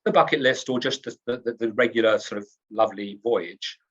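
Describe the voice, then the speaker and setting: A man's voice: on the low side, moderate pace, fairly bright tone, husky, lo-fi sound. A man from the UK, a cruise line executive in a trade interview, talks up his company in an upbeat, salesy way and often restarts his words.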